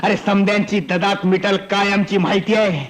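A man's voice: high voice, fairly even intonation, normal speed, a little hiss or hum, natural voice. An actor playing a boastful, scheming village thief in a film comedy, chatty and laughing as he bosses others around. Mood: scheming, chuckling. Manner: chatty, laughing, wheedling and bossy. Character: sly, boastful village thief, middle-aged man.

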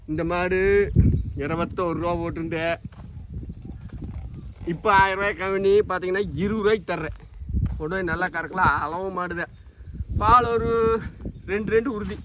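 A man with a noticeably high voice and a Tamil Nadu accent presents animals for sale in an informal walk-through. He is recorded outdoors on a farm, with slight noise behind him. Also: fairly even intonation, brisk, pauses often, a bit bright. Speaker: cattle farm seller, presenter.

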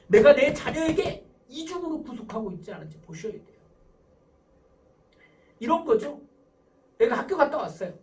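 High-voiced male lecturer. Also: a little mellow, distant mic, poor audio. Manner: asks questions and answers them himself. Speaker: professor giving a parenting lecture.

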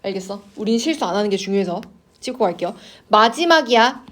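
A woman's voice: medium pitch, expressive, a little fast. A woman teaching an English grammar class, coaxing her students and checking in with them constantly. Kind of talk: online class lecture to students.

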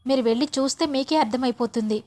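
A woman's voice: high-pitched, fast, a little mellow, natural voice. A woman voicing a sly, scheming middle-aged mother who coaxes and insists. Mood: insistent. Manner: coaxing, insistent.

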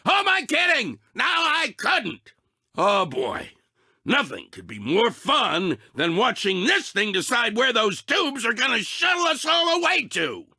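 A man voicing Anger, a short-fused, sarcastic cartoon emotion in a video game, with a raspy, blustering, exasperated delivery. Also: high-pitched, bright, forceful tone, no echo, studio quality, heavily acted. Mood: weary sarcasm. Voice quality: raspy, gravelly, tense. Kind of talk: animated video game character acting.

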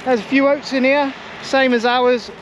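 A man's voice: very high voice, steady tone, moderate pace, muffled recording. An English man, a farming vlogger, chatting casually and agreeably with another farmer. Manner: agreeable, lots of short backchannel replies. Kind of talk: casual chat. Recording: machine noise behind.

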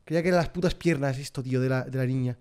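A man's voice: mid-range voice, very fast, dark tone, clean tone. A young man with a Spain Spanish accent, jumpy and swearing while commenting live on a horror game for his chat. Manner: profane, jumpy, talks to chat. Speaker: streamer.

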